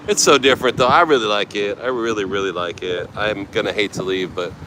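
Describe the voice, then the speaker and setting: Streaming live outdoors from a night market by the beach, a middle-aged Californian man casually rambles and responds to his viewers. He speaks a little fast in a lowish voice, captured in a noisy street recording.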